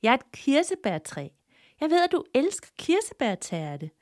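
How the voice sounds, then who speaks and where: A woman's voice: high voice, sing-song, a little mellow, dry recording, clean studio sound, voice pushed up. Woman doing a coaxing cherry tree. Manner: coaxing, persuasive.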